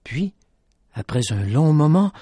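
A man hosting a radio program, reading a story aloud in a measured, dramatic way. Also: medium pitch, expressive, darkish tone, breathy edge, no room sound, studio quality. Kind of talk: scripted story narration.

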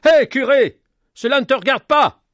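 A man voicing hostile villagers who hurl insults in high, loud shouts. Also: animated, normal speed, no room sound. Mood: furious. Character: angry shouting village crowd members.

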